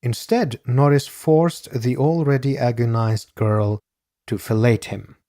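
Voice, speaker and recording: A man narrating a true-crime podcast in a grave, measured reading. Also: medium pitch, steady tone, dark tone, dry recording, clean studio sound. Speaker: podcast host.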